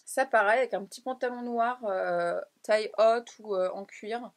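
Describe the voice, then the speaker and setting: A woman's voice: on the high side, normal speed. Chatty young Frenchwoman showing off a clothing haul. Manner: chatty, excitable, laughs often, drops into asides. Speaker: fashion vlogger. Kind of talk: casual haul vlog chat.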